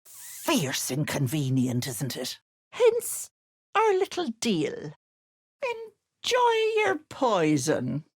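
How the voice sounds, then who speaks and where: A woman's voice: deep voice, wildly swooping pitch, very slow, slightly rough, no echo, clean studio sound, heavily acted. A woman playing a menacing old hag in a video game, posing as a kindly auntie with sugary endearments and sly mockery. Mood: mock sympathy. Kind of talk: video game character acting.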